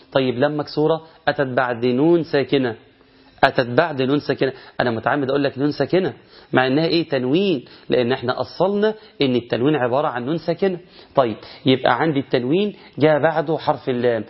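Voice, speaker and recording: A man's voice: mid-range voice, dull audio. A man with an Egyptian Arabic accent teaching a recorded Quran recitation lesson, asking himself questions and answering them.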